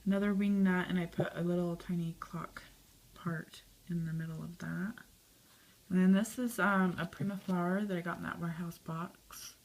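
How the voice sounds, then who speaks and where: A woman narrating a craft video, listing the materials on her art piece in a soft, chatty way and often dropping to a whisper. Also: on the low side, steady tone, normal speed, low-quality recording. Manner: soft, chatty, lots of "um" and "and then". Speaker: craft vlogger. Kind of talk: casual show-and-tell narration.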